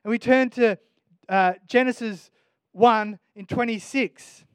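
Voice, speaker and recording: A man's voice: very high voice, takes it slowly, smooth, no echo. A male pastor giving a sermon in an earnest, conversational way, often restarting his sentences.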